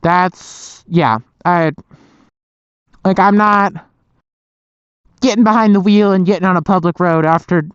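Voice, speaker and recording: A young adult voice with a smooth, clear tone and middling pitch, rambling casually through a motorcycle vlog. The speaker talks from inside a helmet, so the sound is close and a bit muffled. The delivery wanders and self-interrupts, with some mild swearing. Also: unhurried, long pauses, no room sound. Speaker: motorcycle vlogger. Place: inside a helmet, outdoors at night.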